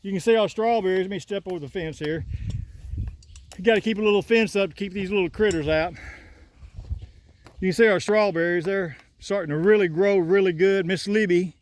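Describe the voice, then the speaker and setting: A homesteader from the American South, an older man, films a relaxed vlog tour of his rural garden using a phone on a selfie stick. He speaks a little fast in a high voice, with long pauses, a folksy, rambling drawl, and slight hiss or hum in the recording.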